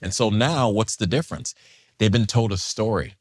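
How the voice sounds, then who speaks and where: A man with a fairly low voice talks in a casual panel discussion, animated and quick to slip into acted-out quotes. He fills his sentences with plenty of fillers as he builds up his point. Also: slightly rough. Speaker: panel guest.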